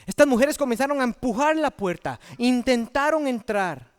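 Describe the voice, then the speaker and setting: A man preaching a sermon in a church, dramatic, dropping to a hush and then rising loud. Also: very high voice, lively intonation, moderate pace, clear, resonant tone. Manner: dramatic, swings from hushed to loud. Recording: echoey church hall.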